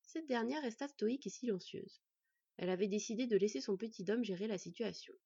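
A woman reads a fantasy novel aloud in a steady, mellow voice with a breathy edge, pitched slightly high. The recording is dry and dull, with no room sound. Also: fairly quick, dry recording. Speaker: audiobook narrator. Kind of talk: scripted narration.

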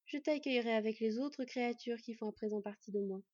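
A woman voicing a cunning male hunter who lures his prey with slow, mocking, honeyed words, in an audiobook reading. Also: fairly high pitch, warm tone, dry recording, dull audio, close to an everyday voice. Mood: coaxing. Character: sly cunning male hunter villain, smooth-talking.

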